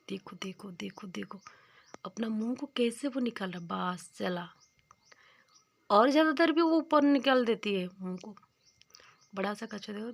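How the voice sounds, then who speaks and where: A young woman narrating a casual village vlog, homely and repetitive as she draws simple life lessons. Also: mid-range voice. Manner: homely, repeats points, moralizing. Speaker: village vlogger. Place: village home outdoors.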